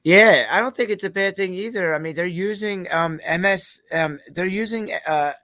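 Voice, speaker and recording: A man's voice: high-pitched, normal speed, pushed and bright, no echo. A man hosting a casual interview chat, talking in a loose, rambling way and swearing casually. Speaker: host.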